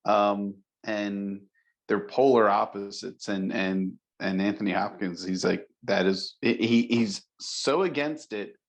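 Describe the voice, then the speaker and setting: A man's voice: fairly low pitch, takes it slowly, creaky. Man chatting on a podcast. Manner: chatty, laughs easily, searches for words. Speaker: podcast co-host. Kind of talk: casual chat.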